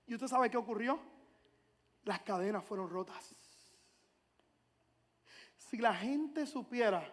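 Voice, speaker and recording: A man preaching a sermon, swinging from loud acted prayers to quiet, hushed lines. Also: high voice. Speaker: pastor. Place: large church hall. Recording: long hall reverb.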